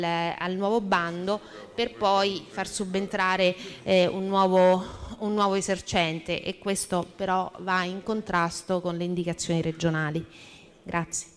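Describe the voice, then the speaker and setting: A woman answering as a councillor for a portfolio in a formal council meeting, measured and bureaucratic, with hesitant fillers. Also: medium pitch. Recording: echoey council chamber.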